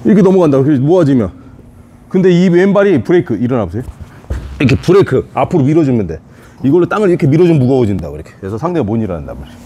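Husky jiu-jitsu instructor, lively pitch. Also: male voice, rapid-fire. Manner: talks while demonstrating, repeats short cues. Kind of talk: hands-on technique demonstration.

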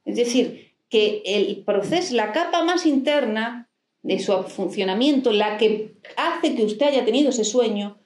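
In an echoey library hall set with a desk and plants, a middle-aged woman psychoanalyst holds a mic and lectures, explaining and answering rhetorical questions. Her voice is fairly high and darkish, expressive, at a measured pace.

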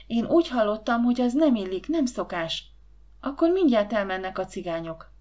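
A playful, lovestruck teenage girl, as a woman narrator puts her on in a storybook reading. She speaks in breathless, eager whispers, pitched a little higher than the reader's own voice. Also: expressive, dark tone, close to an everyday voice. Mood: excited whispers.

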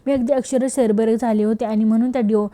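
Tearful confused young wife, pleading, emotional, fairly high voice, mellow tone, woman reading the part. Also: fairly even intonation, quick pace, lightly acted. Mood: explaining.

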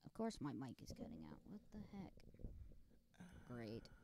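A woman's voice: rumbling low, huge pitch swings, moderate pace, vocal fry. A woman co-hosting a casual livestream chat, laughing off technical trouble while her mic crackles and cuts out from a loose cable. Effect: crackling mic cutting out from a loose cable. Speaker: co-host.

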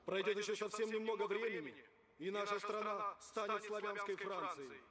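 Pompous, high-pitched naval commander. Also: male voice, moderate pace, sharp tone, reverberant. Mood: pompous, solemn. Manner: oratorical, declamatory. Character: pompous male naval commander addressing assembled submariners. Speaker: actor playing a navy commander. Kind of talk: film drama speech to troops. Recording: distant from the mic, faint music behind.

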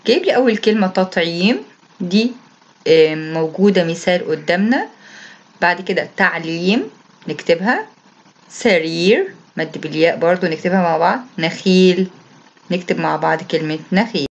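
Egyptian female teacher, lower voice, patient and repetitive, muffled lo-fi sound. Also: lively intonation, moderate pace. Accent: Egyptian Arabic. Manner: patient and repetitive, reads each instruction aloud, then explains it. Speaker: primary school Arabic teacher. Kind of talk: recorded classroom lesson explanation.

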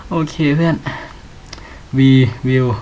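A man playing a horror game, swearing a lot and yelping when startled, sometimes reading game text aloud slowly. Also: mid-range voice, steady tone, a little mellow, a little hiss or hum, low-quality recording. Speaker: gamer.

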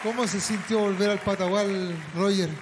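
A man announcing on a festival stage with booming announcer calls. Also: fairly even intonation, moderate pace, very noisy. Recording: echoey stage with music and crowd.

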